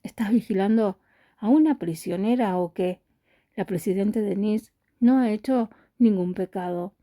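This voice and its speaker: A woman's voice: mid-range voice, moderate pace, no echo, clean studio sound, natural voice. A woman voicing a furious, insistent young woman. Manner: shouting, insistent, demanding. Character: furious, pushy young woman demanding entry.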